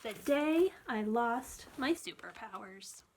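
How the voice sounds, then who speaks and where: For an audience of young children, a female librarian reads a picture book aloud, expressive and deliberate as at storytime. Her pitch is fairly high.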